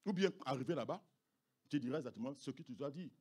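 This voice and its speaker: A pastor in church delivers an emphatic, repetitive sermon in a mid-range, husky voice with a darkish tone, lively intonation and quick pace. He keeps asking his congregation "vous comprenez?"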